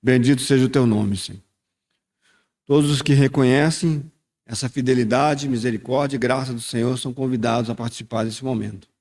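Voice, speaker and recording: A man's voice: medium pitch, steady tone, a little fast, darkish tone. Man leading communion prayer. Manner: reflective, repeats "Senhor" in prayer. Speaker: church leader at communion. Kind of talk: sermon and spoken prayer.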